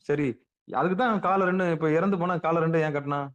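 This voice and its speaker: A man's voice: a little high, a little fast. Man giving a colloquial spiritual talk. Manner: asks rhetorical questions and answers them; emphatic, repeats words for stress. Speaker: spiritual teacher. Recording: dull lo-fi recording.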